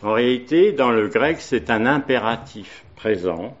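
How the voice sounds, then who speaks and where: A man's voice: mid-range voice, animated, unhurried, lo-fi sound. A man preaching a sermon, hesitating often with fillers and reading Bible verses aloud.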